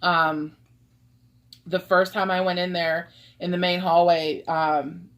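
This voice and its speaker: A woman's voice: fairly low pitch, flat delivery, slow pace, fairly bright tone. A woman co-hosting a live stream about ghost hunting, talking casually with lots of "um" and "like" and frequent laughter. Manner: chatty, laughs often, fillers like "um" and "like". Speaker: paranormal investigator, co-host.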